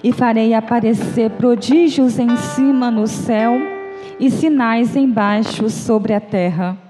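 A young woman with a Northeastern Brazilian accent, preaching at a small church's prayer group and reading scripture in a slow, gentle, inviting way. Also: on the high side, music in the background. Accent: Brazilian Portuguese, Northeastern. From Bahia, Brazil. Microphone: mic on a stand at the lectern. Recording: reverberant church hall.

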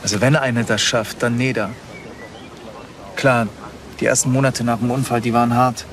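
A man's voice: medium pitch, little pitch movement, normal speed, fairly bright tone, lightly acted. An actor playing a devoted young expectant father in a TV drama, earnest and casual. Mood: earnest, proud. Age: young adult. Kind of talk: naturalistic TV hospital drama. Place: outdoor hospital garden. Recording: outdoor ambience, background noise.

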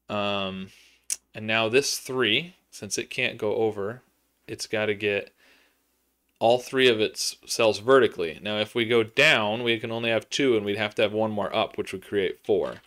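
A man in his thirties with a fairly low voice talks through a logic puzzle, counting cells aloud and pausing on an occasional um. He is recorded on a desk webcam in a small home room. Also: bright, forceful tone. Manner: methodical, counts cells aloud, frequent ums. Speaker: puzzle tutorial host. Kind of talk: think-aloud puzzle walkthrough.

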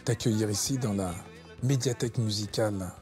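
A man hosting a music interview, relaxed and prompting his guest with short affirmations among record shelves. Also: fairly low pitch, moderate pace. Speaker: host. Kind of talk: conversational interview. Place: record library shelves, indoors.

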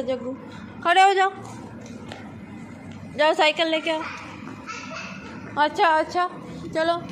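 A young woman narrating a casual family vlog, her voice high and bright, coaxing a small child as she films. She talks into a handheld phone outdoors, and the recording carries a steady hiss of background noise. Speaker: family vlogger. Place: outdoor parking area and supermarket at night. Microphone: handheld phone camera. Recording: noisy phone video.

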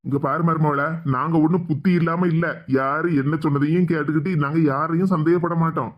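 A performer voicing a gruff, hot-tempered father-in-law in a cartoon, scolding in a Tirunelveli Tamil accent. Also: medium pitch, steady tone, fairly quick, lightly acted. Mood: angry. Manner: scolding, shouting orders. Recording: dull lo-fi sound.

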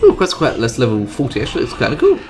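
A man giving chatty let's-play commentary, excitedly thinking aloud about his moves. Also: medium pitch, racing. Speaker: gamer. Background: game music.

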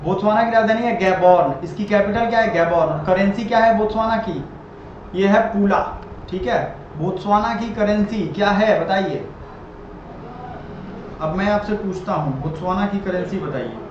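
A man with a high voice gives a lecture, repeating each point and quizzing his listeners. The recording sounds very echoey and dull, as if captured on a built-in mic in a bare room, with faint noise underneath. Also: normal speed. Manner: repeats items and quizzes the viewer. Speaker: exam-prep teacher. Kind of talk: classroom-style lecture over a map.

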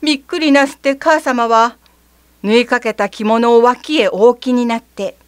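A woman narrating a children's story gently and expressively, with a slightly theatrical touch. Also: on the high side, steady tone, moderate pace, clear, resonant tone, no echo. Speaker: reader.

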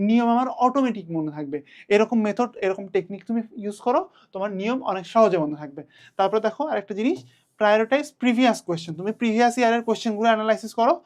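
A young man from Bangladesh with a Bangladeshi Bengali accent, teaching an exam revision lesson and speaking straight to his students with quick rhetorical questions. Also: high voice.

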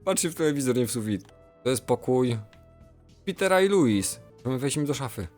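A young man giving playful, excitable commentary while playing a game. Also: mid-range voice, fairly quick, faint music behind. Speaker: gamer. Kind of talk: Roblox let's play commentary.

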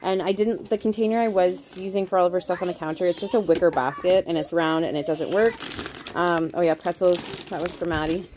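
A woman's voice: fairly low pitch, fairly even intonation, fairly quick, a little mellow, a little hiss or hum. A woman in her thirties from Canada, chatting casually through a home grocery haul video and rambling with lots of ums. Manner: chatty, rambling with many ums, asides to kids. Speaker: vlogger. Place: home kitchen indoors. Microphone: phone camera held close.

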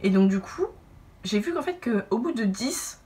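A young woman telling a personal story to camera in a casual, animated way, acting out what others said. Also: a little high, normal speed, recorded from a distance. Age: young adult. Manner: animated, lively asides and acted-out quotes. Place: indoor room, brick wall behind.

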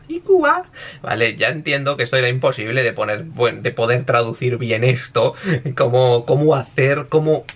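A young man with a Spain Spanish accent giving casual, animated commentary, swearing offhandedly. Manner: animated, swears casually, mimics squeaky voices, laughs often. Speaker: YouTuber explaining Japanese.

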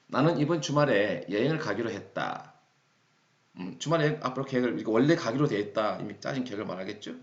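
A Korean man teaching English phrases, reading each example sentence slowly and deliberately. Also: mid-range voice, animated. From South Korea. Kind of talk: explaining English phrases in a lesson. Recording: roomy, dull lo-fi sound.

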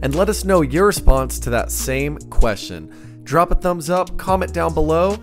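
Lively male podcast host voice-over. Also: on the high side, normal speed, soft background music. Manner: upbeat, inviting viewer comments. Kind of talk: voice-over intro and outro.

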